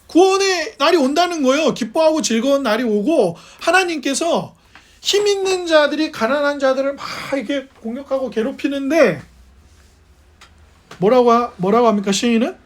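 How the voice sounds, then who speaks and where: A man's voice: extremely high pitch, lively intonation, normal speed. A man preaching a sermon as pastor, talking in a conversational way, asking the congregation questions and acting out quoted voices.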